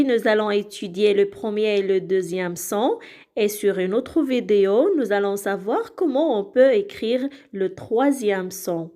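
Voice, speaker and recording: A woman teaching a reading lesson to children, spelling out sounds slowly and clearly. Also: medium pitch, a little mellow. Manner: slow, clearly articulated teaching. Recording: very echoey room, far from mic.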